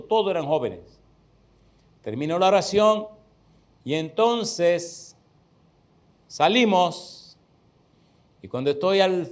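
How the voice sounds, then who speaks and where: Male pastor, middle-aged, slightly high voice; storytelling sermon, punchy repetition, direct questions to the congregation. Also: a little mellow. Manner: emphatic, repeats key words for stress; addresses listeners directly with questions.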